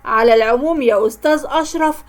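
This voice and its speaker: A stern, scolding Egyptian father, voiced by a woman in a cartoon story. He talks with authority in a high voice. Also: fast talker, lightly acted. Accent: Egyptian Arabic. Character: stern older father, man.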